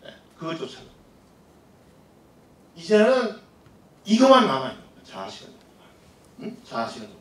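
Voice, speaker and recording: A middle-aged man giving a public lecture, animated and asking the audience questions. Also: fairly high pitch, moderate pace, pauses often. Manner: animated, asks the audience questions, acts out quoted people. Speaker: guest lecturer. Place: lecture hall. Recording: echoey hall, distant mic.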